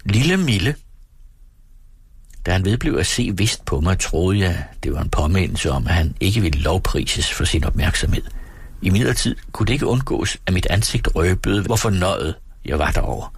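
A man reading a classic novel aloud as a first-person audiobook narrator, in a measured, even storytelling manner. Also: deep voice, slightly rough, no room sound.

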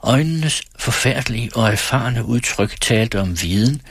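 A man reading a novel aloud on the radio in a measured, grave style, close to the studio mic. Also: mid-range voice, expressive, slight background noise.

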